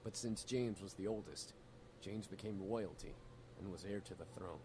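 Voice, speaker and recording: Guy doing a cursing young demon noble, blunt, kinda low voice. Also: normal speed, noisy background, lightly acted. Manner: blunt, swears casually. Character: young male demon noble, guilty, rebellious. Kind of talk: game voice acting.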